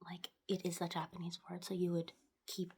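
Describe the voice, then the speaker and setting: A woman whispers quickly and softly in a casual, rambling ASMR chat, close to the microphone, trailing off and picking thoughts back up. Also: fairly low pitch, monotone, a little hiss or hum. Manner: fast whispering, breathy and soft-spoken. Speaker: ASMR video host.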